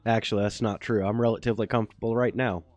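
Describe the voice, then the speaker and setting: A man's voice: on the low side, steady tone, very fast, darkish tone, no room sound, soft background music. Meandering, chuckling man in casual chat. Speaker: podcast co-host. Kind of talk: casual chat between brothers.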